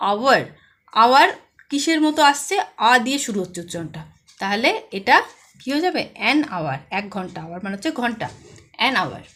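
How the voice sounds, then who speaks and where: A woman's voice: sits high, a bit bright. A woman with a West Bengal accent teaching an English lesson to young children, posing questions and answering them herself. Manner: asks pupils questions and answers them herself, stresses each word. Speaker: primary school English tutor.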